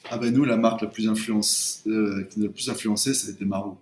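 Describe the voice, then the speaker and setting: A man's voice: fairly low pitch, steady tone, quick pace, slight background noise. A man, co-founder of a chocolate brand, talking casually as a guest in an interview, hesitant and full of restarts. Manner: hesitant, many restarts and fillers.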